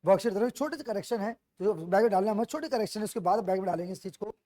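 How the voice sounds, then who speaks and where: A man's voice: high voice, racing, dark tone. A man teaching a maths class to students, affectionate but demanding as he gives out work. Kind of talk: classroom lecture in Hindi mixed with English.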